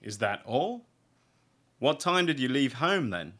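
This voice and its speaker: A man's voice: medium pitch, very animated, slow, a bit bright, pitched above the performer's own voice. A man putting on a joking uncle. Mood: friendly. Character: jovial English uncle, joking.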